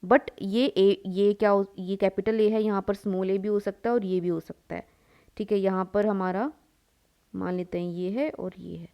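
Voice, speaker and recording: A young woman gives a biology lecture in class, drawing while she explains, asking her students questions and answering them herself. She calls them "beta" and mixes English terms into her Hindi. Her mid-range voice is dark and smooth, with fairly even intonation and a moderate pace.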